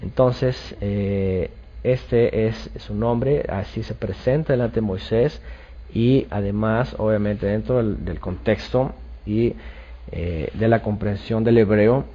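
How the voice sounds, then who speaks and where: A man's voice: fairly low pitch, slow, mellow, lo-fi sound. A man giving a bible study lecture, explaining step by step and often checking with "ok?" amid hesitant fillers. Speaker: bible teacher.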